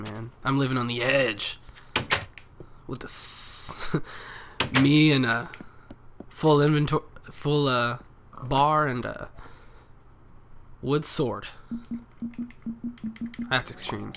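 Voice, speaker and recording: A man's voice: mid-range voice, gravelly, a bit bright, a little hiss or hum. A man commenting casually and jokingly on his own gameplay, talking to the animals and monsters on screen. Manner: playful, jokey, talks to animals and mobs. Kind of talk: casual let's play commentary.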